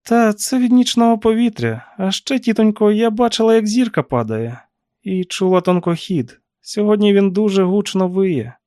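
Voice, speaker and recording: A man's voice: high voice, moderate pace, dark tone, dry recording, clean studio sound, voice pushed up, lightly acted. A man voicing a dreamy young woman who answers lightly and evasively in an audiobook.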